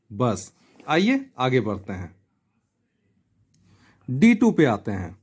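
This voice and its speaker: Lively slow-paced teacher. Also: male voice, fairly high pitch. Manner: spells words letter by letter, reads English lines slowly. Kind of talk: explaining an English textbook lesson.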